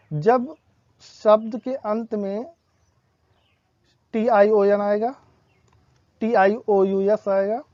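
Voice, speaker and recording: Woman, teacher, patient explanations, warm dark voice, dry close mic. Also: medium pitch, no room sound, muffled recording. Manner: patient, repeats each example slowly. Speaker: English teacher. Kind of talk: explaining pronunciation rules.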